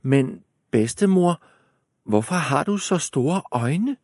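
A man voicing an innocent, trusting little girl in a storybook reading, raising his voice high and eager. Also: animated, darkish tone, husky, no room sound, studio quality. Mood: wondering.

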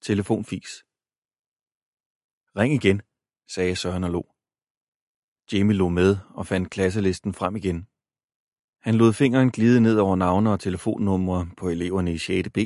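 A man narrating an audiobook in an even, measured way. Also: deep voice, dry recording, studio quality. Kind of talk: scripted narration.

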